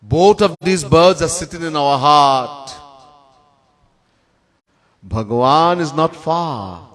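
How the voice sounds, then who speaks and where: A man with a Trinidadian accent giving a sermon as a swami in a temple, chanting Sanskrit verses slowly in a sung tone between plain teaching. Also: on the high side, fairly bright tone. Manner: lists words in long spoken series. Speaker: swami giving a spiritual discourse.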